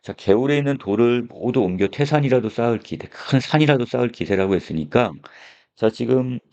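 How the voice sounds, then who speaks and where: A man's voice: medium pitch, animated, a little fast, darkish tone. A male teacher giving a classroom lecture on a story, explaining scene by scene and opening many phrases with a filler. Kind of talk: classroom lecture on a literary text. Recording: dull lo-fi recording.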